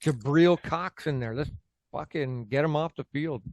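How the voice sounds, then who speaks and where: Guy swearing a lot about his team's defense on a podcast, bit high pitched, dry close mic. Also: normal speed, no echo. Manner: profane, heated, fan ranting. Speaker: co-host. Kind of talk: casual sports podcast chat.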